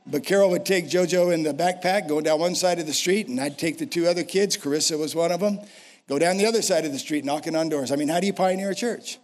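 Casting: American man, 60s, guest preacher, slightly high voice, emphatic delivery with repeated phrases. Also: fast talker. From United States. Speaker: senior pastor, guest preacher. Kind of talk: sermon. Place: speaking to a church congregation.

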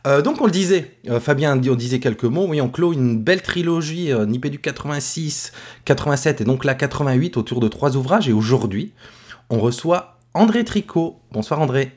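Joking French podcast host, raspy voice. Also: male voice, medium pitch, a little fast, darkish tone. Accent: regional French. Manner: jokey, laughing, restarts often. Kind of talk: casual podcast chat.

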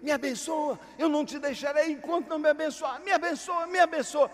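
A desperate man begs urgently for a blessing, his voice pitched high and straining, as a preacher acts him out. The long reverb of a large hall follows him. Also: a little fast. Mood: pleading. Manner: pleading, urgent.

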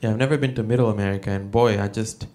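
A man from El Salvador doing a stand-up comedy set, with a halting delivery full of fillers and restarts. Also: lowish voice, steady tone, warm tone, a little hiss or hum. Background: audience laughter.

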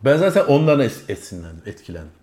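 A man bantering on a comedic talk show, teasing and quick with comebacks. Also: mid-range voice, big pitch swings, darkish tone. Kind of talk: comedic casual chat.

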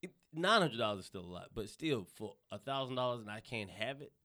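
A man from North Carolina with a Southern accent, telling profane, animated stories in a casual podcast chat. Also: medium pitch, fairly quick.

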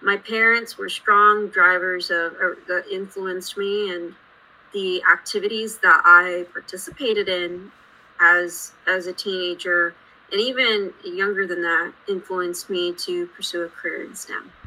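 Bright-voiced woman guest in her late twenties. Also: fairly low pitch, steady tone, rough recording. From India, raised in Houston. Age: late 20s. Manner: measured, explanatory storytelling. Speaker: guest engineer. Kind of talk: podcast interview.

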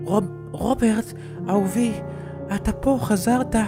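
A man voicing a confused elderly woman who stammers and pleads for her husband. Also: over music. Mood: confused pleading. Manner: stammering, high and strained.

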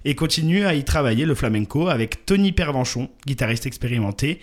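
In a lively, mid-range voice and at a slightly fast pace, a local radio co-host chats casually while presenting an artist bio. He's hesitant, filling gaps with "euh" and restarting, and keeps things jokey, apologizing for his pronunciation and laughing at it.

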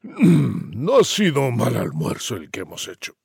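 A man doing a gravelly, chuckling wolf. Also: mid-range voice, wildly swooping pitch, moderate pace, darkish tone, no room sound, clean studio sound, exaggerated voice. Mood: gloating. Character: crude hungry male wolf, sly villain.

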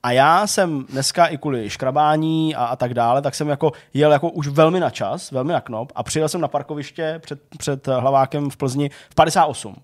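A man's voice: on the high side, few pauses. A man co-hosting a gaming podcast, telling a long, rambling story in casual chat, full of fillers. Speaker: podcast co-host.

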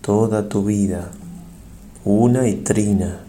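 A priest guides a prayer meditation with solemn reverence, speaking in short phrases with measured pauses between them. His voice is fairly low and mellow, and the recording has a little hiss or hum.

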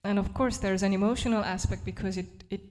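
A woman interpreting a sermon live, phrase by phrase, in a measured way with brief hesitations. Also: medium pitch, steady tone, a little mellow.

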